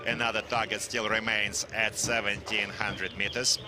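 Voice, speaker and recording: A man giving live sports commentary on a tank competition in formal, halting English. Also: fairly low pitch, level tone, background noise.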